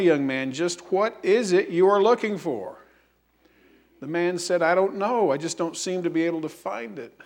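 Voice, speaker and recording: A man preaching a sermon as pastor, telling a story with lively quoted voices and slow, emphatic repetition. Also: on the high side.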